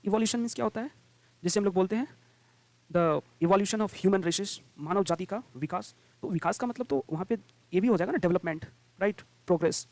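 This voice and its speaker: A man teaching vocabulary in a lively lesson, checking in often with the class and reading definitions slowly. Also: high-pitched, no room sound. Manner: repeats "ठीक है" and "right" as check-ins, quick and energetic; reads English definitions slowly and deliberately.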